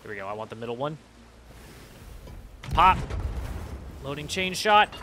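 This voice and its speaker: A young man streaming a video game, excitably talking to himself as he plays. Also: fairly high pitch, a little slow, slight background noise. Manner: excitable, talks to himself while playing. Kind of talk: live gameplay commentary.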